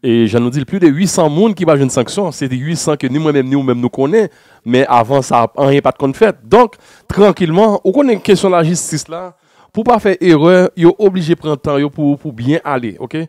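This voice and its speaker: A male host talks politics in a voice pitched a little high, stopping and restarting with plenty of fillers. The sound is dry and close. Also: animated, darkish tone, dry recording. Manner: halting, with many fillers and repeats. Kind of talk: political talk.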